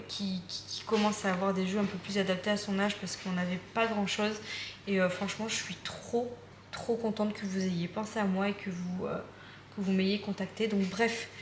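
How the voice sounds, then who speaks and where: A young woman chatting casually in a vlog at home, enthusiastic and rambling with many fillers and repetitions. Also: medium pitch. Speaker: vlogger. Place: at home, indoors. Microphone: phone or camera close by. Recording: echoey room with background noise.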